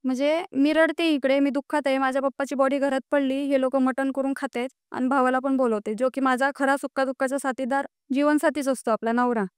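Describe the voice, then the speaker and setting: Young woman, high voice, earnest guest recounting hardship, indignant at times, dry mic. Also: level tone, fairly quick, few pauses, dry recording. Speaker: podcast guest. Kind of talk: emotional personal storytelling.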